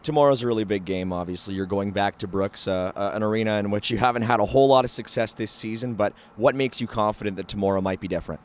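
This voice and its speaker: Low-voiced arena interviewer. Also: male voice, fast, hardly any pauses. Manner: long, wordy questions. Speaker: team broadcast interviewer. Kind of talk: postgame interview questions. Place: indoor ice arena. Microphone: handheld mic.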